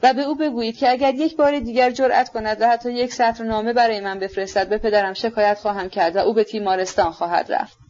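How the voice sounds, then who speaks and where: A woman's voice: on the high side, fairly even intonation, darkish tone, dull audio, natural voice. A woman reading a proud, fiery young woman. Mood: agitated.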